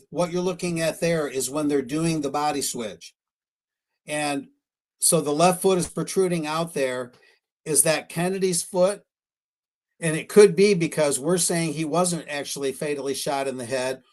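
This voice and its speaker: A man on a live-streamed talk show, carefully and speculatively walking through photos, often hedging his claims. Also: fairly high pitch. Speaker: guest researcher discussing photos.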